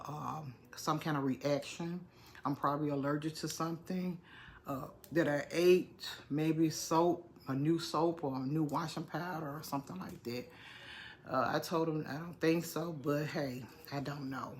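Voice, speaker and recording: Feeling under the weather, a middle-aged woman with a congested chest and low voice vlogs casually for her viewers. She repeats herself often and calls them "y'all," and there's slight background noise.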